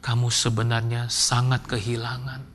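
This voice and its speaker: A pastor putting on a soft-spoken gentle counselor. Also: male voice, completely flat delivery, slight background noise, lightly acted. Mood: gently coaxing. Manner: soft, low and slow, reassuring. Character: gentle, patient lecturer counseling a grieving student.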